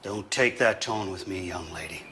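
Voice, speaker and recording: A man's voice: sits low, moderate pace, sharp tone, slight background noise. An actor playing a stern, old-fashioned older father in a film drama.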